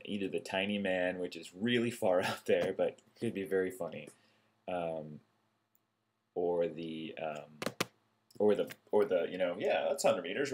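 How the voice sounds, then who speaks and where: A man with a deep, low voice talks through his feedback on a friend's ideas in a loose, unscripted way. He rambles and hesitates, fills gaps with "um" and "like," and now and then acts out a quick bit of dialogue before carrying on. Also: a little mellow. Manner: rambling, hesitant, many fillers, acts out short bits. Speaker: peer reviewer giving feedback. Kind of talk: casual spoken feedback message.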